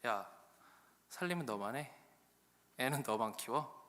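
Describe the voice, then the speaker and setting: Man voicing a bossy irritable husband, barking and belittling, bright forceful voice, long hall echo, sermon role-play. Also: mid-range voice, lively intonation, unhurried. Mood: scolding.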